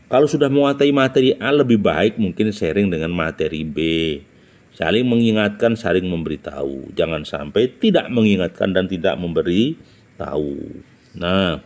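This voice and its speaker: A man teaching public speaking, stressing each numbered point and asking rhetorical questions. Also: darkish tone. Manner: emphatic, jumps up in pitch to announce each numbered point; rhetorical questions, frequent "nah" and "ya". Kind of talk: instructional talk.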